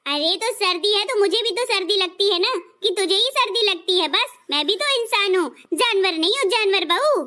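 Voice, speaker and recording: A woman's voice: very high voice, animated, moderate pace, hardly any pauses, bright, forceful tone, full character voice. A woman voicing a nagging older mother-in-law who scolds and grumbles. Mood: scolding.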